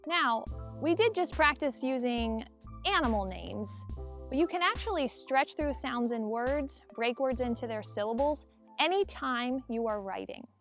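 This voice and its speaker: An elementary school teacher, a woman, giving a clear, upbeat video lesson to children, demonstrating as she goes. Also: high voice, lively intonation, a little slow, fairly bright tone, faint music behind.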